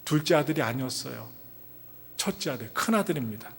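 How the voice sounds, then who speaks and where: A man's voice: mid-range voice, lively intonation, brisk, gravelly, slightly rough. A man, a pastor, giving a sermon with earnest delivery that grows emphatic at its peaks. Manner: earnest, rising to emphatic when voicing the son. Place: church sanctuary. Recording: long reverb of a church sanctuary.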